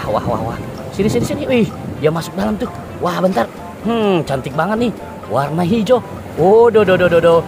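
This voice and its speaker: A man hosting an outdoor nature vlog on a seashore, chatty and excitable, full of exclamations and sing-song fillers. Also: high-pitched. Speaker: vlog host. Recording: noisy outdoor recording with sea and boat sounds.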